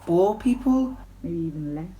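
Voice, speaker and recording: A woman's voice: lowish voice, animated, normal speed, mellow, slight background noise, low-quality recording. A young woman chatting to camera as a theatre vlogger, enthusiastic and full of fillers and restarts. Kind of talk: casual vlog chat to camera.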